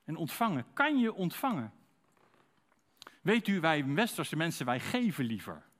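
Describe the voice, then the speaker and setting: A man's voice: fairly high pitch, very animated, measured pace, a bit bright. A man preaching a sermon to a congregation, speaking conversationally and asking them direct rhetorical questions.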